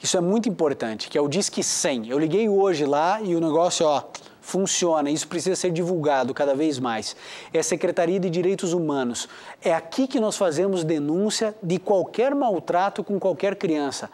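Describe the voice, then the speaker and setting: A man's voice: on the high side, lively intonation, normal speed, a little mellow. A Brazilian man, a theologian and educator, addressing viewers in a preaching style, emphatic and full of rhetorical questions. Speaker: theologian and educator giving advice.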